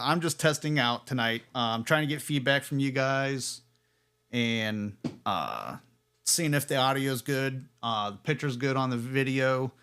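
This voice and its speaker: Male streamer, slow delivery, rambling and chuckly, casual tech-test chatter. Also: mid-range voice, fairly bright tone, clean tone. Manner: rambling, chuckling, self-correcting. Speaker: livestream host. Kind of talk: casual livestream equipment test.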